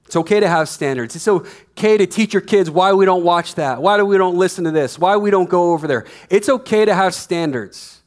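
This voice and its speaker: A man's voice: high voice, a little fast, few pauses. A man in his thirties preaching a sermon on a church stage, emphatic and repeating his key lines, on a headset mic. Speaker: pastor.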